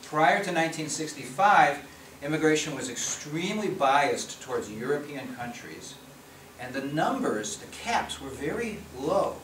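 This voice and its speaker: A middle-aged man from the Chicago area, a policy researcher, gives a conversational talk with slides in a conference meeting room, often restarting and repeating words. His voice is fairly high, expressive and fairly bright, and he speaks unhurriedly. The recording is noisy and echoey, captured from far away.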